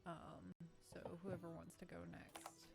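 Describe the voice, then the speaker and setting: A woman's voice: on the low side, monotone, measured pace, vocal fry, soft background music. A woman serving as dungeon master on a live tabletop game stream, talking in a rambling, casual way with trailing fillers.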